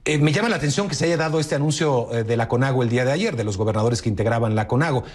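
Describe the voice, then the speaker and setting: A man's voice: mid-range voice, expressive, racing, darkish tone. A man hosting a television news interview, asking polite, formal questions. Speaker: news anchor.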